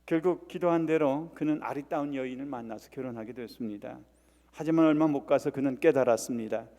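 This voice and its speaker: Earnest Korean pastor in a reverberant church. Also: male voice, medium pitch, mellow. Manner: earnest preaching with rising emphasis and drawn-out words; frequent "eo" fillers and restarts. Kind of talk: sermon. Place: church sanctuary.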